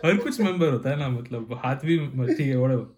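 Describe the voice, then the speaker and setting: A young man with an Indian accent and a croaky, hoarse voice, co-hosting a casual podcast chat over a video call, excitable, laughing and swearing a lot. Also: medium pitch, racing. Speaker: podcast co-host.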